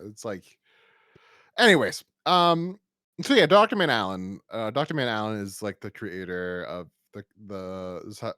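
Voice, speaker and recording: This podcast co-host has a lowish, somewhat bright voice, captured in clean studio sound with no room tone. Chatting informally about an audio drama, he wanders off track, restarting sentences and repeating himself frequently.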